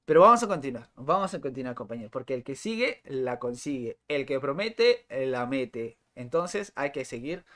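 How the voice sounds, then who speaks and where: A man's voice: medium pitch, sing-song, moderate pace, few pauses, a bit bright. A young man, chatting and exclaiming over live game footage, often repeating himself. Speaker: game streamer. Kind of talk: live gameplay commentary.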